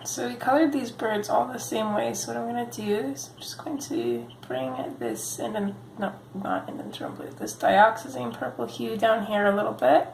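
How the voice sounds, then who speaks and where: A woman with a fairly high voice and some vocal fry hosts a chatty coloring video, relaxed and rambling with frequent ums while she works. She sounds a bit sniffly from a cold, and the audio is roomy with slight background noise.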